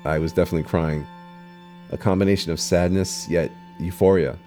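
Deep-voiced man telling an earnest family story. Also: steady tone, a little fast, dark tone, faint music behind. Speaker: interviewee. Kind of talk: personal storytelling.

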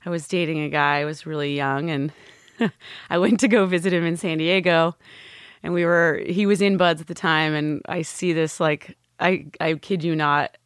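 A woman's voice: low voice, fairly even intonation, moderate pace, clean tone, no room sound, studio quality. A woman from California, a guest on a talk show, telling her story in a chatty, candid way. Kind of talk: casual storytelling.

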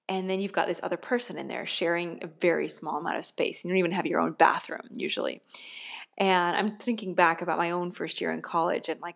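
A woman's voice: on the low side, vocal fry. A young adult woman co-hosting a podcast in casual, emphatic conversation, recorded in an echoey room. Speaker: podcast co-host. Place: echoey half-furnished study at home. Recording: echoey room, dull muffled sound.

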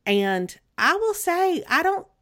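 A middle-aged woman with a Southern US accent chatting casually as a podcast co-host, in a rambling, halting way. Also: very high-pitched, very animated, fairly bright tone. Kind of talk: casual chat.

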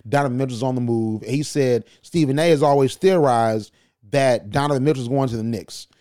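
A man hosting a podcast, giving casual, animated opinion commentary with loose slang. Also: mid-range voice, no echo, studio quality. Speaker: podcast host.

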